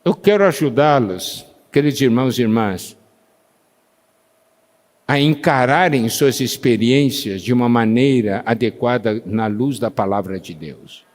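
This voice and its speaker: A man preaching a sermon who slows down to stress scripture and asks the congregation questions, pausing for their answers. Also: medium pitch. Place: church meeting hall. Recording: long hall reverb.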